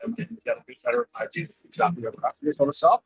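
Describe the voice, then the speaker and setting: A man's voice: on the high side, sing-song, racing, gravelly, husky, no room sound, faint music behind. Give me a man on a muffled remote call with noise reduction artifacts. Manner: rambling, lots of "like" and "uh". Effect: noise suppression artifacts over loud background noise. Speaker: remote guest on a gaming stream. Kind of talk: casual chat. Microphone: remote call, no proper microphone.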